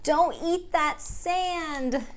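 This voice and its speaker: A woman with an extremely high-pitched voice speaks extremely slowly. She hosts a library storytime for young children, using simple, encouraging phrases and a sing-song voice as she reads a picture book aloud and leads songs.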